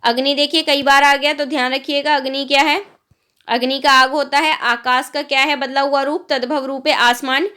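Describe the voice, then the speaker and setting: A woman teaching a grammar lesson, firing off quick questions and answering them herself, and often checking with "okay?". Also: high-pitched, steady tone, bright, forceful tone. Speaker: Hindi teacher. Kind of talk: exam-prep grammar lesson.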